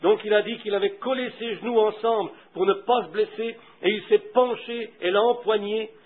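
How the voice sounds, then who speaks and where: A man preaching a sermon, telling a story and leading prayer in a fervent way that swings from hushed to loud. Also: high voice, steady tone, moderate pace. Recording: tinny, phone-like old recording.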